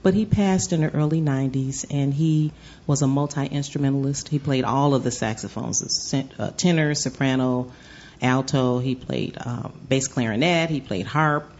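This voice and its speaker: A woman's voice: a bass voice, normal speed, a little mellow. Reflective woman with a slightly lo-fi sound. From Chicago, United States. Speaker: jazz vocalist, interview guest. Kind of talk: live radio interview. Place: live broadcast from a venue.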